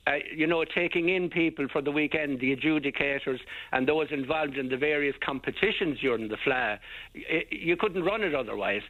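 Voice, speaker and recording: An older Irish man, a radio guest, recalling local history in casual, rambling talk with many restarts. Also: a little high. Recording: dull band-limited radio sound.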